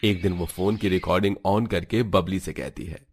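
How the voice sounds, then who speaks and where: A man narrates a family cartoon in a steady storytelling style. His voice is very low and deep, and he reads the script evenly from scene to scene. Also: normal speed, slight background noise.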